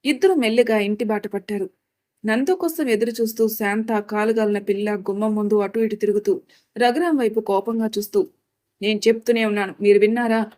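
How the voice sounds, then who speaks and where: A woman narrating a family love story in a calm, even storytelling manner. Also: mid-range voice, fairly quick.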